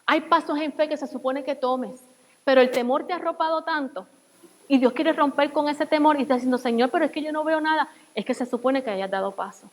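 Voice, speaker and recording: A woman preaching as a guest speaker, giving an earnest personal testimony that drops to soft, quiet passages. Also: high voice, fairly quick, in a large hall, poor audio. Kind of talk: sermon.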